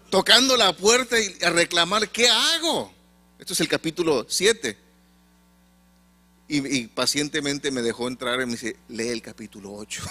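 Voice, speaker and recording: A man from Monterrey, preaching a sermon with emphatic swings and pauses. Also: a little high, bright, forceful tone. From Monterrey, Mexico.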